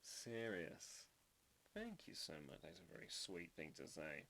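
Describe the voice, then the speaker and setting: A man's voice: deep voice, wildly swooping pitch, unhurried, vocal fry, pushed and bright, slight background noise. A man hosting a live drawing stream, chatting casually and playfully while trying out foreign words. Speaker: livestream artist host.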